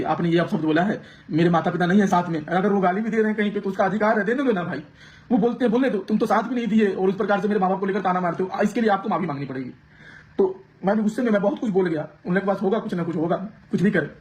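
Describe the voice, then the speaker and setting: Fast, high-voiced aggrieved man venting. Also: darkish tone. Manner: aggrieved, rapid outpouring with many restarts. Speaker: vlogger. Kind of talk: emotional personal account to camera.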